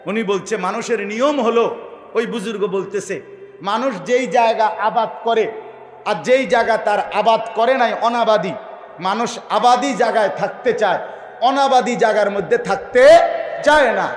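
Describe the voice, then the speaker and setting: A man preaching a sermon, impassioned, rising to shouts and questioning the crowd. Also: high-pitched, normal speed. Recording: echoey hall with long reverb.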